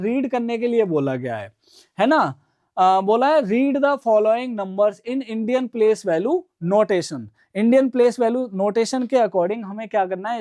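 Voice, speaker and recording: A woman with a fairly high voice teaches a school maths lesson in a dry, close-sounding recording. She works through each number slowly and repeats it aloud. She keeps checking that her pupils follow with short asides. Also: darkish tone, dry recording. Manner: slow, step-by-step explaining with frequent "है ना" and "ठीक है" check-ins. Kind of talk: online classroom lesson.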